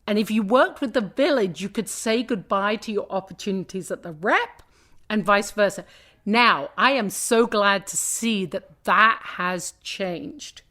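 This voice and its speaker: A woman's voice: mid-range voice, a little slow, pushed and bright. Chatty British woman, theatre guest. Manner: chatty, many restarts and asides. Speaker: guest, theatre company founder. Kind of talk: casual podcast interview.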